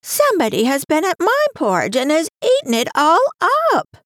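A woman voicing a small young male bear in a storybook, with a sharp, shrill voice. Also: huge pitch swings, normal speed, no echo, studio quality. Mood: upset.

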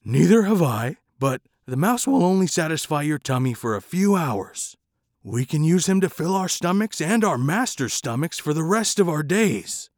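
A loud, barking mutt of a dog, put on by a male storyteller, his voice gravelly and full of rough edges. The pitch swings up and down as he growls out his lines, close and dry with no room sound. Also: very animated, normal speed, no room sound. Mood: bossy. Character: gruff scruffy male mutt dog, bitter.

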